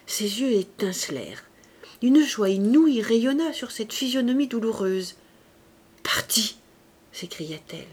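A woman narrating a classic novel as an audiobook, measured and expressive. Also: medium pitch, husky. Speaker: audiobook reader.

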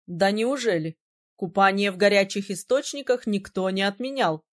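A woman reading an audiobook, voicing a calm, teasing young male prince with a slightly lower, softer voice. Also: moderate pace, close to an everyday voice. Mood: sly stern.

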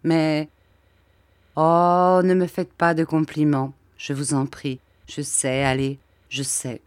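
A woman's voice: deep voice, flat delivery, takes it slowly, no room sound. A woman reading aloud, voicing a shy, sad middle-aged male painter who pleads plaintively and belittles himself. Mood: pleading. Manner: plaintive, self-deprecating pleading.

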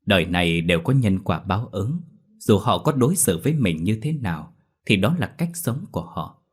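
A man voicing a kindly old Buddhist monk who preaches softly and slowly. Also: lowish voice, sing-song, slightly rough. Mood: preaching. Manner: soft, slow, preaching.

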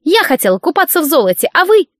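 A woman reading an audiobook, voicing a demanding, scandalous older woman with a shrill, grating voice. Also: big pitch swings, quick pace, dry recording, clean studio sound. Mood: indignant.

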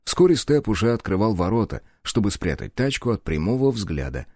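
A man narrating a first-person audiobook in a gruff, terse way. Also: on the low side, sing-song, a little fast, darkish tone, no room sound, clean studio sound.

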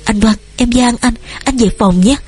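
Woman voicing a gentle pleading young wife. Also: a little high, a little fast, slightly rough. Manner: pleading, choked.

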